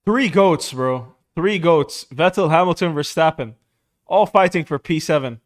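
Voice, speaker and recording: Excitable young man calling a live race. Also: on the high side, measured pace. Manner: casual, excitable, says bro a lot. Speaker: streamer.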